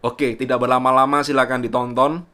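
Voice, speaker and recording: Pastor guy with a bright, forceful voice, talking earnest and chatty. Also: medium pitch, flat delivery, fairly quick, faint music behind. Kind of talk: sermon introduction.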